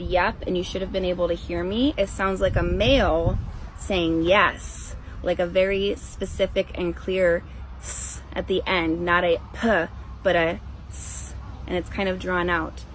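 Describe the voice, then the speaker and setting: A woman ghost investigator presents her team's recording, talking to viewers in a casual, rambling way. Her voice is low, steady, unhurried and a bit bright, though the audio is poor with faint background noise.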